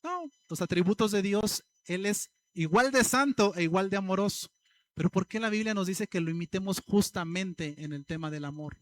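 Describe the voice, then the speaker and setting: A man preaching a sermon as pastor, posing rhetorical questions to the congregation and slowing down to stress scripture. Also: sits high, fairly bright tone, no room sound.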